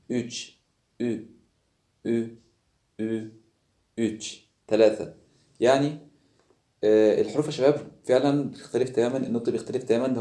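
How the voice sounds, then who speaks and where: A man's voice: mid-range voice, mellow, roomy sound. A man with an Egyptian Arabic accent teaching an online pronunciation lesson, repeating each word several times so the listener can copy it. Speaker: language teacher.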